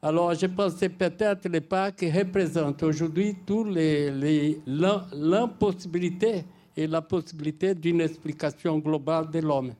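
An older man speaks French with a foreign, Brazilian accent, native to Portuguese. His delivery is slow and halting, searching for words, with a mellow tone and a slightly high pitch. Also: fairly even intonation. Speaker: audience member making a comment. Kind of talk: spontaneous spoken remarks at a public discussion.

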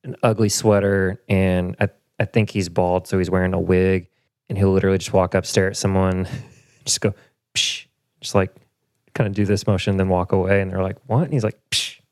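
A man's voice: deep voice, little pitch movement, a little fast, darkish tone, no echo, clean studio sound. A man hosting a casual podcast chat, joking around and laughing often. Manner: laughs often, chatty and jokey. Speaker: podcast host.

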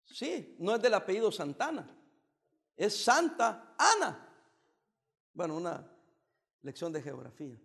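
Gravelly high-voiced pastor, teasing sermon. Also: male voice, wildly swooping pitch, a little slow, long pauses, a bit bright, in a large hall. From El Salvador. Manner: playful, teasing preaching with bursts of emphasis. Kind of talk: joking sermon.

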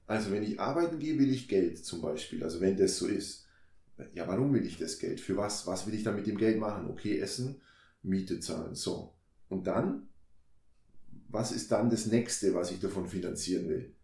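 A man's voice: low voice, expressive, moderate pace, dark tone. A man in a casual conversation, reflective, explaining his ideas through everyday examples and questions he asks himself. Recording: roomy echo.

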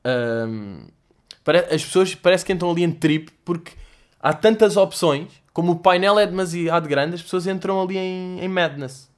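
A man's voice: sits high, moderate pace. A young man from Portugal with a European Portuguese accent, telling stories in a casual, comedic, profanity-heavy vlog monologue. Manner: swears a lot, animated storytelling with mock voices and sound effects. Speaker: host answering viewer questions.

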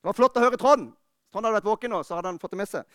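In a church, a pastor with a high, smooth, resonant voice delivers a fervent sermon, pushing hard before dropping into quiet, intimate words. The recording is dry and close-miked, with no room sound.

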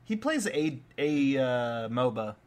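A man's voice: medium pitch, very animated, slow pace, a little mellow. A young man co-hosting a casual gaming podcast, laid-back and joking with lots of fillers, sounding a bit sick. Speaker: podcast co-host. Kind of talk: casual chat.

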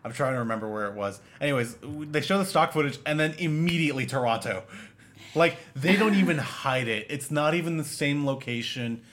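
A man's voice: fairly high pitch, animated, brisk, fairly bright tone. A man co-hosting a casual movie-review chat, talking sarcastically and trailing off into mumbled asides. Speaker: podcast co-host.

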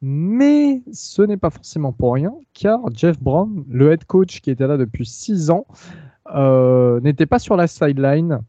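A man's voice: a little high, sing-song, measured pace, warm tone, no echo, dull audio. A man hosting a casual podcast chat, talking with frequent fillers and restarts. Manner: hesitant, many fillers and restarts. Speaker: podcast host.

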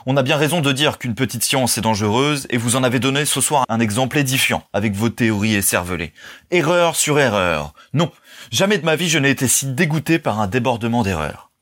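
A man's voice: mid-range voice, lively intonation, fast talker, a bit bright, pitched above the performer's own voice. A man doing a blustering, scornful old lawyer. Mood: indignant scorn. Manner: blustering, contemptuous outbursts. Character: indignant older male lawyer, pompous and scornful.

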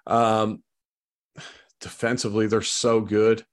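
Man giving relaxed sports commentary. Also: fairly low pitch, slow. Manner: informal, conversational. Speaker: football analyst, show guest.

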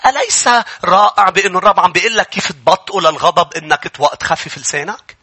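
A man with a Lebanese accent preaching a sermon, swinging from loud declarations to hushed, repeated pleas. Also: sits high, animated, fast, breathy edge. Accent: Lebanese Arabic. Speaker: pastor. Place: church.

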